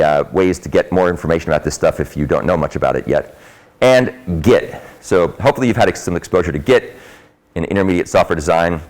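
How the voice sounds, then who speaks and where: Man, university lecturer, deep voice muffled through a face mask, informal explanatory delivery, emphatic stresses. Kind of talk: classroom lecture. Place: classroom.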